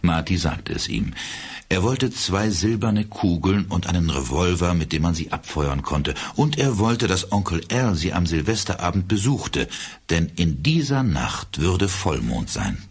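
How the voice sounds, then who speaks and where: A man reading a horror audiobook as narrator, telling the story in a lively way. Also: low voice, unhurried, breathy edge. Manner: lively storytelling, voicing characters in dialogue. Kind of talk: scripted narration.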